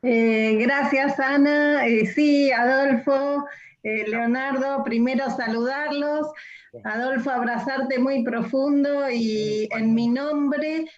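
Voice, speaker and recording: A woman, a university dean, giving a measured formal greeting. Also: sits high, steady tone, dull audio.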